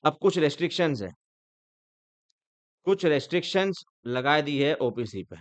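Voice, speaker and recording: Crisp-voiced man lecturing with jokes. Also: a little high, lively intonation, normal speed, no echo. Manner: teasing, asks the class rhetorical questions. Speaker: company law lecturer. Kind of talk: joking classroom lecture.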